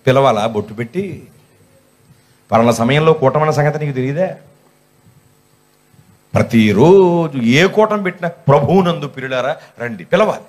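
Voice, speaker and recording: High-voiced male pastor preaching. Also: expressive, normal speed, pauses often. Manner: storytelling with mimicked voices and rhetorical questions. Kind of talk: sermon.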